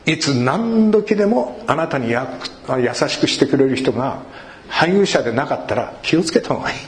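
A man pastor giving an earnest sermon and prayer to a congregation, with warm asides. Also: medium pitch, lively intonation, normal speed, background noise. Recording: echoey hall, faint room ambience.

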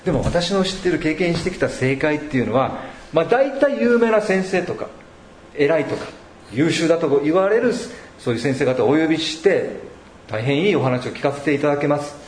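A man preaching a sermon as pastor, measured and reflective, pausing often between thoughts. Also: on the high side, animated, slight background noise. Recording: echoey room.

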